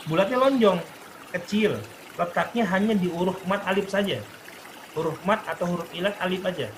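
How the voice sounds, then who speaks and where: A man teaching Quran recitation rules in a recorded lesson, explaining each rule and then slowly reciting example verses. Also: high-pitched, noisy background.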